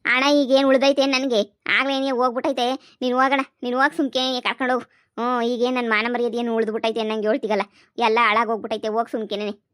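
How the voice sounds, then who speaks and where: A high, rapid-fire cartoon mother, voiced by a woman, stubborn and quick to scold. She grumbles and refuses, recorded dry and close with no room sound. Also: flat delivery, fairly bright tone, no room sound, natural voice. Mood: defiant. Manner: scolding, grumbling, fast and defiant. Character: stubborn middle-aged village mother, election-obsessed. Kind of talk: cartoon comedy voice acting.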